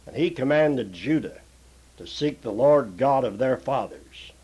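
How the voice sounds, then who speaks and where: An older man giving a taped Bible lesson as a teacher, measured and deliberate, pausing often on "uh". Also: mid-range voice, lively intonation, warm tone, slightly rough, rough recording. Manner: measured, deliberate preaching with frequent "uh" pauses.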